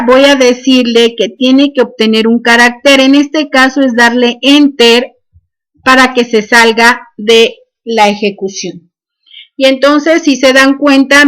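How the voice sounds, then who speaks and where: A woman's voice: fairly high pitch, a bit bright. A woman, teaching a programming class and dictating each step with "este" fillers. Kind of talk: screen-recorded coding lesson.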